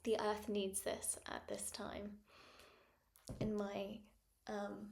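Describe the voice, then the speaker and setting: Soft-spoken woman with a gravelly edge. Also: medium pitch, monotone, takes it slowly, a little hiss or hum. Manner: soft and gentle, slipping into whispers. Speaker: meditation guide. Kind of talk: guided meditation.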